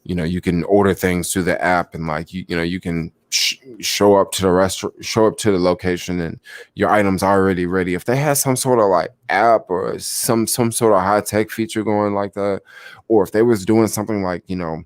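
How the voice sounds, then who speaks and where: A man's voice: deep voice, steady tone, moderate pace, no room sound, studio quality. A young man chatting casually about stocks on a livestream, rambling with lots of fillers and answering viewers, sounding sleepy. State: sleepy, yawning. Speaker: stock vlogger.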